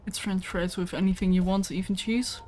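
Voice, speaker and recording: A woman's voice: mid-range voice, steady tone, normal speed, darkish tone. A woman chatting casually with a co-player while streaming a video game, rambling about food and snacking between sentences. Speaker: livestreamer. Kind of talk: casual chat while gaming.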